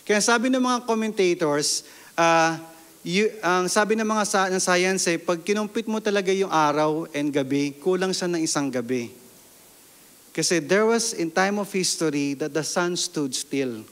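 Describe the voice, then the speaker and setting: Filipino pastor telling a story. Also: male voice, fairly high pitch, a bit bright, big-room sound. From Philippines. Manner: storytelling with questions to the congregation. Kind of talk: sermon testimony.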